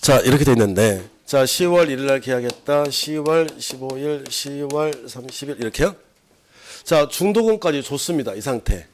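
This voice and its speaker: A man's voice: medium pitch, expressive, moderate pace. A middle-aged man lecturing a class on civil law. He keeps asking the students questions and acts out his examples. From South Korea.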